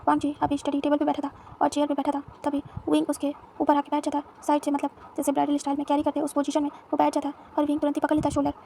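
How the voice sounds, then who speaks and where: A woman narrating a romance fan fiction story at a rapid, even clip. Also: high-pitched, vocal fry, a little hiss or hum.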